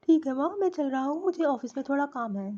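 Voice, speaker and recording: A woman's voice: sits high, animated, quick pace, warm tone. A woman voicing an easygoing young married man in a cartoon story, talking in a soothing, placating way. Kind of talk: cartoon voice acting. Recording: dull, muffled lo-fi recording.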